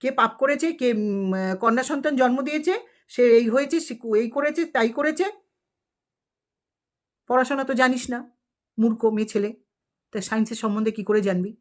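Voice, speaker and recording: A woman's voice: a little high, normal speed, long pauses. A woman vlogger delivering an angry, scolding rant at a rival, full of insults and rhetorical questions.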